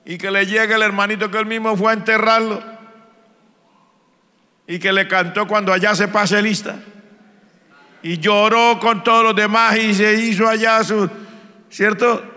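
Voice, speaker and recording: A Colombian man preaching a Pentecostal sermon as pastor, storytelling and swinging between hushed and loud delivery. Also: sits high, flat delivery, normal speed, pauses often, big-room sound. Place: church.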